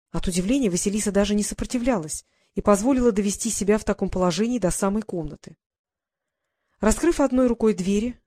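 A woman's voice: medium pitch, dry recording. Woman reading a storybook aloud. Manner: steady storybook reading, quietly acts out the dialogue. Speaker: audiobook narrator. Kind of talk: scripted narration.

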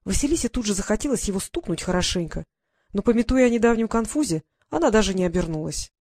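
Female audiobook narrator, mid-pitched, steady expressive reading, dry. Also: quick pace, no room sound.

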